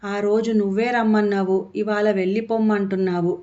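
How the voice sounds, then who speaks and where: A woman's voice: medium pitch, flat delivery, moderate pace, mellow, close to an everyday voice. A woman voicing a direct, questioning husband in a storybook reading. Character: direct grown son and husband. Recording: dull lo-fi audio.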